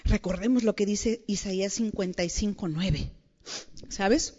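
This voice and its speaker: A woman preaching a lively conversational sermon to a women's gathering, playful and animated, often asking her audience questions. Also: medium pitch, measured pace, slightly rough. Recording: dull sound with long hall reverb.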